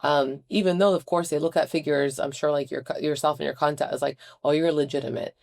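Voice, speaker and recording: A woman's voice: sits low, fairly even intonation, fast, gravelly, darkish tone. A woman hosting a podcast interview, chatty and enthusiastic as she talks with her guest. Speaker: podcast host. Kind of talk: casual interview chat.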